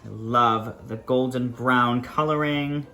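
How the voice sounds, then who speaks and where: A man's voice: mid-range voice, fairly even intonation, slow, pushed and bright, reverberant. A man hosting a casual cooking demonstration in a kitchen, upbeat and chatty, calling his viewers friends. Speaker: cooking video host.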